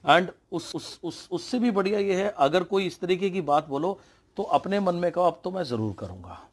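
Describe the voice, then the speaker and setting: A man's voice: sits high, normal speed. Emphatic male motivational storyteller. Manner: emphatic, mixes English phrases into the talk. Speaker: motivational speaker.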